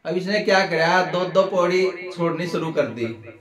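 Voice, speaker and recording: A man, performing as a comic poet on a live stage: he tells jokes with unhurried punchlines and recites a humorous poem, repeating lines for effect. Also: high voice. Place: live stage at a poetry gathering. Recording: echoey venue with loud audience laughter.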